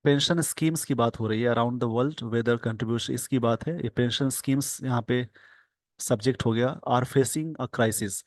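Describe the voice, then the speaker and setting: A man with an Indian accent teaches English from a newspaper editorial, reading English phrases slowly and explaining them in Hindi. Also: medium pitch, fairly even intonation, no room sound.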